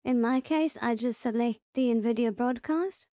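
In a software tutorial, a woman with a fairly high, mellow, very soft-edged voice takes the listener through each step in a relaxed, plain-spoken manner at a measured pace. The recording is dry and close, with little sense of a room.

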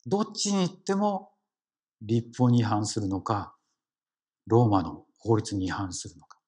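A man's voice: lowish voice, very animated, a little slow, darkish tone, slightly rough. A man with a Kansai accent giving a conversational sermon as a lay preacher, engaging the congregation with questions. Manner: engaging, asks the congregation questions, frequent "ne" tags.

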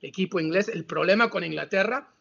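Peruvian man in his forties, high bright voice, emphatic football pundit, dull video-call audio. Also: fairly quick, vocal fry, slightly rough. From Peru. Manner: emphatic, exclamatory, mixes in English words. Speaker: football analyst. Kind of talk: casual sports debate. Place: home room.

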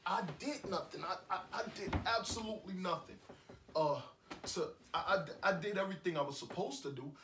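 A man's voice: high voice, fairly quick, fairly bright tone, slight background noise. An actor with a New York accent playing a heartbroken young man who rambles bitterly and repeats himself in an indie film monologue. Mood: indignant. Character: heartbroken young man ranting after breakup. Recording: echoey room, voice from a distance.

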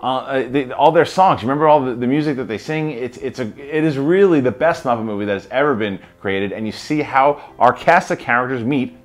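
A man's voice: mid-range voice, fairly quick, few pauses. A man in his thirties co-hosting a movie review show, talking in a friendly, upbeat host manner from a studio. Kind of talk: casual movie review banter. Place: indoor studio with poster backdrop.

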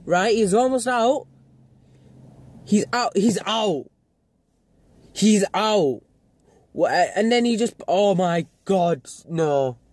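A young man vlogs a running rant, swearing freely and mocking people in put-on voices. His voice sits a little high, and he drags his words out slowly with exasperated sighs between them. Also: expressive, darkish tone. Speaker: vlogger. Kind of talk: ranting commentary.

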